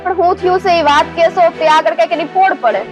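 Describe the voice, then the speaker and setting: High-voiced young woman protesting. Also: steady tone, a little fast, music in the background. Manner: protesting, pleading. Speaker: daughter-in-law. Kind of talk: village family drama acting.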